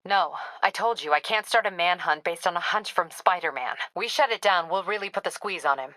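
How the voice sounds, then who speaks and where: A tough female police captain delivers video game dialogue in a clipped, authoritative manner that's dutiful and a little wry, with a serious, confiding mood. Her voice is bright, forceful, on the low side and slightly fast. The recording is very dry and close, with no room sound.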